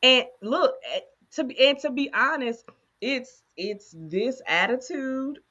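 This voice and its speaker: A woman co-host in casual conversation, candidly telling a personal story with animated asides. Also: high voice, slow, slightly rough, lo-fi sound. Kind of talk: casual chat.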